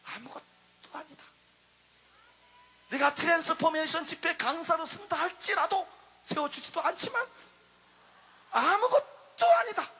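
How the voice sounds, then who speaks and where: A man's voice: extremely high pitch, pushed and bright, exaggerated voice. A male pastor voicing the Lord in a sermon, speaking in a solemn, admonishing tone. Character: the Lord, a calm, grave divine voice. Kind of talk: sermon retelling.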